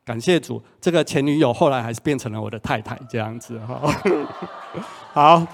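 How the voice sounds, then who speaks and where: A man's voice: mid-range voice, normal speed, vocal fry, slight background noise. A male pastor preaching a sermon in a conversational way, often asking the congregation questions. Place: church hall. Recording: long hall reverb.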